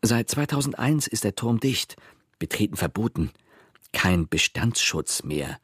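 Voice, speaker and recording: A man's voice: fairly low pitch, very animated, unhurried, a bit bright, breathy edge, no echo, studio quality, exaggerated voice. A man voicing an eager, self-assured young boy who leads a group of children. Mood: thoughtful. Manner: eager, cheerful, sure of himself.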